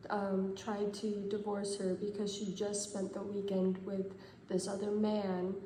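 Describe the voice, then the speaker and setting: A woman in her twenties giving a measured, earnest statement straight to camera. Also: mid-range voice, warm tone, echoey room, slight background noise, poor audio. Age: 20s.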